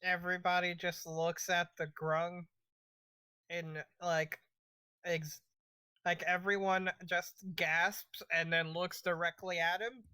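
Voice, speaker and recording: A woman running an auction in a tabletop role-playing game, speaking haltingly with many pauses. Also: fairly low pitch, little pitch movement, pushed and bright, clean tone, dry recording. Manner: hesitant, halting, full of pauses.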